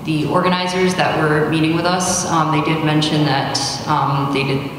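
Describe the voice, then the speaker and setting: Recorded from a far camera in an echoing hall full of background noise, a young woman with a deep voice hesitates and fills her speech before reading a poem into the podium's stand mic. She speaks flatly at a moderate pace at this open mic poetry night.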